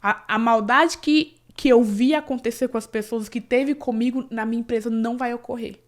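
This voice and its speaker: A woman's voice: a little high, fairly even intonation, normal speed. Earnest woman telling her story. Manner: earnest storytelling, many fillers and restarts. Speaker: interview guest, cleaning business owner. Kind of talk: emotional personal story in casual conversation.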